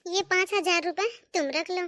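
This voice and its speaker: Woman voicing a cartoon mother-in-law, stern, scolding, very high voice. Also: steady tone, normal speed, a bit bright. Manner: scolding, commanding, calls daughters-in-law "bahu". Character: stern but fair Indian mother-in-law. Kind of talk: cartoon voice acting.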